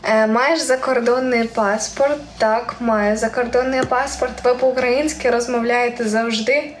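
A woman's voice: on the high side, fairly even intonation, a little slow. A young woman from Ukraine speaking with a central Ukrainian surzhyk accent, chatting casually on a live stream and reading viewer comments aloud with frequent giggles. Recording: echoey room with faint ambient noise.

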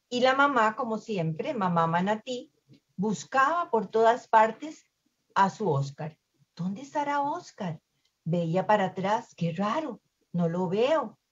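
Cuentacuentos expresiva, sonido opaco. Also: female voice, mid-range voice, breathy edge, highs cut off. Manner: expressive, lively. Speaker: storyteller. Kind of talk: children's storytelling.

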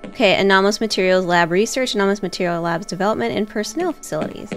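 A woman's voice: mid-range voice, rapid-fire, noisy background. A woman streaming a game with chatty, joking commentary. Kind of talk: casual let's-play commentary.

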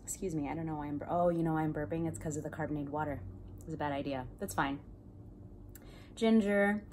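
A woman hosting a mukbang video, chatting playfully and joking between bites, sometimes dropping into soft whispery asides. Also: deep voice, little pitch movement, very fast, slight background noise. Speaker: host. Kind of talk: casual mukbang chat while eating.

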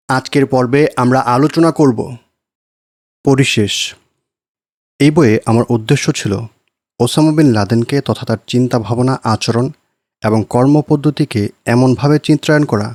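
Man reading an audiobook in measured phrases. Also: mid-range voice, a little mellow, dry recording. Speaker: audiobook narrator. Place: home recording.

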